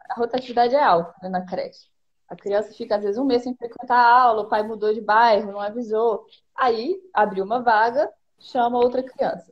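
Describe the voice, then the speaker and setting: A woman with a Brazilian accent, a policy consultant calmly explaining her points one by one in a live-streamed conversation. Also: a little high. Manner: methodical, lays out points one by one. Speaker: education policy consultant, guest. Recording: dull lo-fi stream audio.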